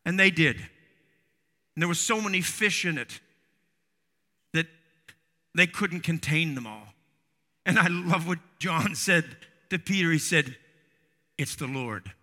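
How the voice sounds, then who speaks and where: A man's voice: fairly high pitch, takes it slowly, pauses often, sharp tone. A man preaching an earnest sermon that builds to fervent emphasis. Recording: long hall reverb.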